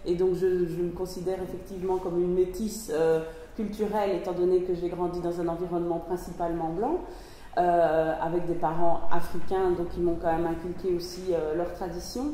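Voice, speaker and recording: A woman's voice: fairly low pitch, level tone, a little fast, warm tone. A woman from Belgium, moderating a discussion, speaking thoughtfully and hesitantly. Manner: thoughtful, hesitant, many fillers and restarts. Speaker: moderator and reader. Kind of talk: reading aloud, then hosting a discussion. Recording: very echoey hall, faint noise.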